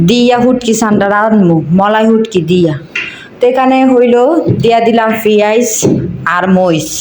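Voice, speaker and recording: A woman's voice: fairly high pitch, darkish tone, echoey room. A woman from Cumilla with a Cumilla Bengali dialect, talking viewers through a recipe as she cooks and chatting with them like friends. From Cumilla, Bangladesh. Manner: chatty, talks to viewers as friends while cooking. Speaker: cooking vlogger. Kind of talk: casual cooking narration.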